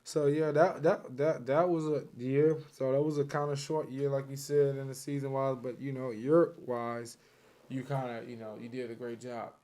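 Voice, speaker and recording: A man's voice: medium pitch, flat delivery, moderate pace, dark tone. A man hosting a casual interview, bantering in loose slang with lots of agreement. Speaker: podcast host.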